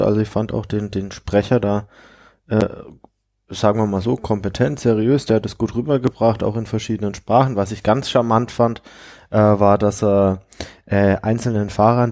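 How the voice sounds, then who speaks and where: A man's voice: lowish voice, darkish tone. A man co-hosting a podcast, talking in casual conversation. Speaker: podcast co-host.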